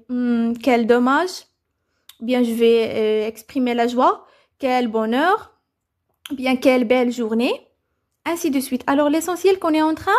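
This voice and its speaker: A woman with a high, light voice leads a children's grammar lesson. She puts questions to the class, answers them herself and keeps checking that everyone has understood. Her tone stays patient and steady throughout. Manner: repeats "c'est bon?" to check understanding. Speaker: teacher.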